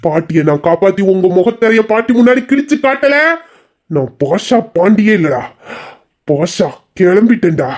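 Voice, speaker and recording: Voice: medium pitch, expressive, normal speed, a little mellow, close to an everyday voice. A voice actor playing a boastful young village lad who casts himself as a dramatic hero, in a comic story. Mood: swaggering. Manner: swaggering boasts, mock-heroic tone.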